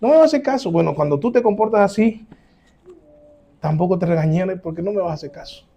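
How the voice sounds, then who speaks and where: A man preaching as a pastor, emphatic, acting out quoted voices with sudden loud rises, then closing in prayer. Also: high voice, expressive, quick pace, vocal fry, highs cut off. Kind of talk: sermon.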